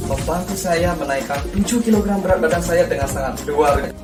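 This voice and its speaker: A man's voice: on the high side, a little fast. Earnest young man from Bali, roomy. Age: 20s. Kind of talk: testimonial. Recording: roomy, distant, over music.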